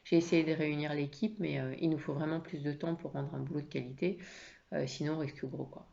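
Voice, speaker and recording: A woman's voice: low-pitched, flat delivery, brisk, gravelly, highs cut off. A woman doing a meek, stammering husband. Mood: apologetic. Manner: soft, hesitant, stammering, placating. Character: apologetic man, a husband stuck at work.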